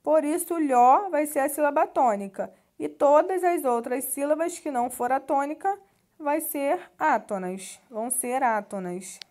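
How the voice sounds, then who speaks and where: A woman's voice: high-pitched, animated, unhurried, darkish tone. A woman teacher with a Brazilian Portuguese accent explains a textbook lesson patiently, often adding little tag questions as she goes. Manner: patient, explanatory, with frequent "né" tags and restarts. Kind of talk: classroom lesson walking through a textbook.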